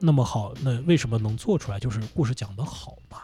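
A man talks casually as a podcast guest, his voice a little husky and breathy. His pitch moves a lot as he gets animated. Faint music plays under the conversation. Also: quick pace. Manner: animated, laughs and swears when excited. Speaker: podcast guest, comedy company founder. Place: indoor studio.

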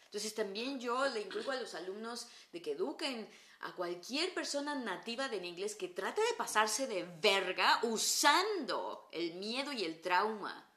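A woman with a Mexican accent, an English teacher, talking in a casual, animated conversation and swearing freely with slang. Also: mid-range voice, measured pace, few pauses, reverberant.

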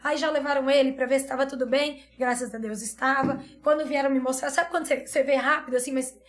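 A woman's voice: high voice, fairly even intonation, fast talker. A woman in her thirties, a pediatrician, telling an emotional personal story in earnest, tumbling bursts with repeated phrases.

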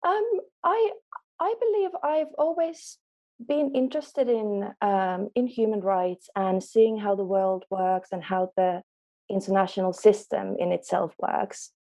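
A woman's voice: medium pitch, steady tone, a little slow, dark tone. A young woman from Finland, a native Finnish speaker, answering as an interview guest over a remote call, hesitant with many ums. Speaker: guest, law student. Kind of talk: casual interview.

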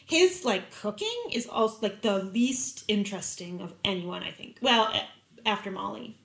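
A woman in casual podcast chat, talking in an animated way and often correcting herself as she goes. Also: medium pitch, moderate pace, creaky, reverberant. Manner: chatty, self-correcting, animated. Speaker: podcast guest. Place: dining room table.

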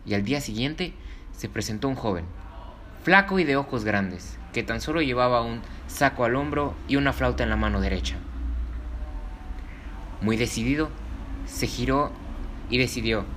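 A man's voice: medium pitch, lively intonation, moderate pace, pauses often, fairly bright tone, slight background noise. A man reading scripted children's stories as a narrator. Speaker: children's storyteller. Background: music.

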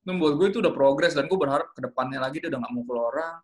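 A man's voice: fairly high pitch, rapid-fire, husky. A man in casual faith talk, telling stories in colloquial slang and acting out what people said. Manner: animated storyteller, acts out quotes.

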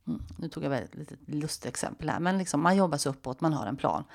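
A woman with a deep, slightly creaky voice hosts her own coaching podcast. She talks to the listener in a relaxed, conversational way. When she leads the visualization she goes quiet and close, almost a whisper. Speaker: life coach and podcast host. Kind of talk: solo podcast monologue with guided visualization.

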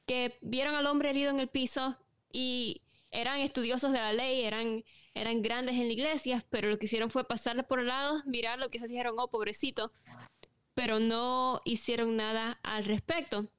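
A woman talks through a faith topic in a reflective, unhurried way, stopping and restarting her thoughts. Her voice sits a little high and comes across smooth and clear, recorded dry and close. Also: fairly even intonation, fairly bright tone, no room sound. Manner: reflective, with frequent restarts and pauses. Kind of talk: casual faith discussion.

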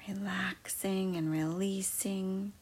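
A woman guiding a meditation in a soft, slow, mostly whispered voice. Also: mid-range voice, steady tone, slightly rough. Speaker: meditation guide. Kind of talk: guided meditation.

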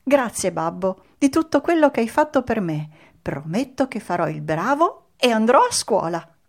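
A woman voicing a cheeky wooden puppet boy in a storybook reading, talking in an excited, bouncy way. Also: on the high side, moderate pace, pitched above the performer's own voice. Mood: grateful.

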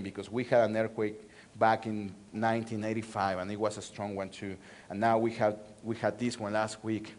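A male pastor from Mexico City with a Mexican Spanish accent, preaching a sermon with call-and-response and repeated phrases. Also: on the low side. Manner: call-and-response, repeating phrases with swings between loud and soft. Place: church.

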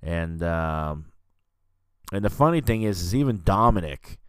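A man talks through a movie in a loose, rambling monologue, full of fillers and restarts. His voice sits very low and comes across smooth and clean. The recording is dry and close, with no room sound. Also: animated, unhurried, no room sound. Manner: rambling, lots of fillers and restarts, says dude and you know what I mean. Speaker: podcast host reviewing films. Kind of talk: casual film review monologue.

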